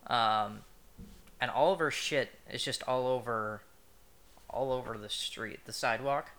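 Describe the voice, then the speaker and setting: A man's voice: mid-range voice, a little slow, bright, forceful tone. A young man co-hosting a casual podcast, telling a rambling, profane story with many restarts. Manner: rambling, repeats himself, swears freely. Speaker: podcast co-host.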